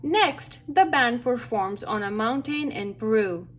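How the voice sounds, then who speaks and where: Faint music plays behind a slightly high-voiced woman as she tells a picture-book story to children, her delivery expressive and carefully paced.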